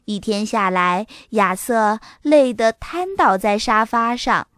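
A woman reading a children's story aloud in an expressive storytelling manner. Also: a little high, takes it slowly, clear, resonant tone, no room sound, studio quality.

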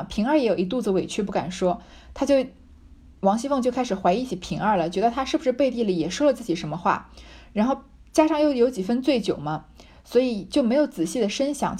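Middle-aged woman lecturer with a mellow tone, retelling a classic novel conversationally. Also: on the high side. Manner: conversational, explanatory, with fillers and rhetorical questions. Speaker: literature lecturer.

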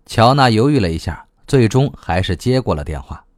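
A man narrating an audiobook story in an expressive reading style. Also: lowish voice, normal speed, no echo, studio quality.

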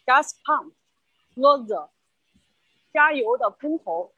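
Brief: high-pitched woman learner, halting and very slow, dry close sound on a call. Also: lively intonation, pushed and bright, slightly rough, no room sound, highs cut off. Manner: halting, hesitant learner repeating words. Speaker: student. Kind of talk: repeating vocabulary in a lesson.

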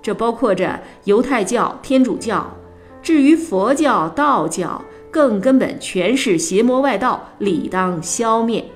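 Slow, measured woman novel reader. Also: a little high, soft background music. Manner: measured, expressive storytelling. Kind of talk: scripted narration of a novel.

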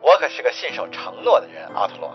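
A man voicing a menacing male broker who taunts in a low, hushed, mocking voice, with faint music behind. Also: very animated, quick pace, muffled recording, lightly acted. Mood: mocking menace.

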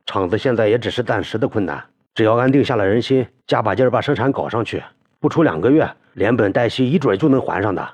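A man narrating a novel, voicing a sly factory man who speaks quickly and assuringly. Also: fairly low pitch, animated, a little mellow, slightly rough, pitched above the performer's own voice.

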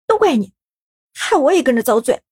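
A woman's voice: sits high, very animated, fairly quick, a little mellow, slightly rough, voice pushed up, exaggerated voice. A woman voicing a young woman who teases and complains. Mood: complaining. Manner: teasing, complaining.

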